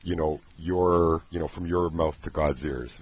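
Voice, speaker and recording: Super deep husky guy talking up his own program, earnest and rambly, muffled lo-fi sound. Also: measured pace. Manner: earnest, passionate, rambling with restarts. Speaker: product creator promoting his program. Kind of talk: casual promotional chat. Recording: dull lo-fi recording.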